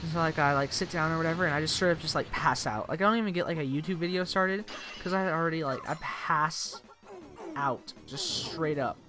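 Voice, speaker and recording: A tired young man provides rambling let's play commentary over game music, saying "like" constantly. His voice is fairly high-pitched and a little fast.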